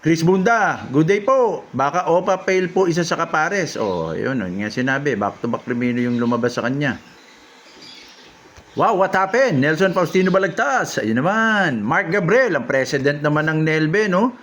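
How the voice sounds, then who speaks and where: A man's voice: fairly high pitch, animated, normal speed, a bit bright, slight background noise. A man, a lovebird breeder on a casual livestream, reading out viewers' names and comments and reacting to them. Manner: reads out commenters' names and messages, then reacts.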